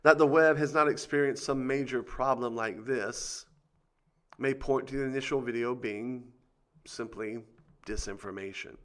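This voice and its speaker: Guy doing a scripted conspiracy show, average pitch, dramatic emphasis, rhetorical questions. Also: unhurried, a bit bright.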